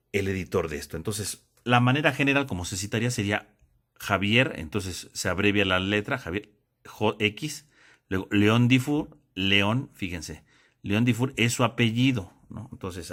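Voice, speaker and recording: A man's voice: on the low side, fairly bright tone. A man teaching a theology lesson, explaining step by step and checking in with tag questions. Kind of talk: classroom lesson.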